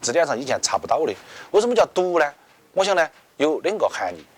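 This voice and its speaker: A man, explaining something in an interview in a husky voice. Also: fairly high pitch, big pitch swings, fast talker, a little hiss or hum. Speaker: interviewee explaining cooking terms.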